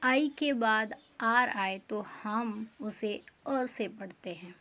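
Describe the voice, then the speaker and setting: A woman's voice: on the high side, very slow, fairly bright tone. A woman teaching English pronunciation rules, repeating each rule and asking the class questions.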